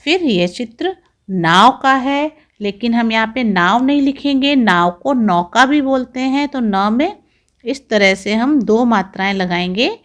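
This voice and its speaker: A woman teacher giving a slow, patient lesson to young children, pronouncing each sound and word carefully. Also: on the high side, animated, fairly bright tone.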